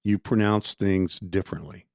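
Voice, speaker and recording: Male co-host, low register, dry close mic, loose rambling delivery. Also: steady tone, moderate pace, darkish tone, dry recording. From Texas. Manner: rambling, restarts often. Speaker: podcast co-host. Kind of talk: casual conversation.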